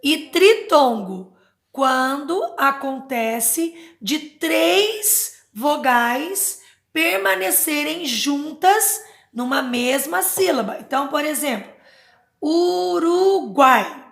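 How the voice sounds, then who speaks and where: A woman teacher giving a slow, patient grammar lesson to children, sounding out words syllable by syllable and checking in with short questions. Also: high voice, animated, gravelly, a bit bright, echoey room. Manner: checks understanding with tag questions.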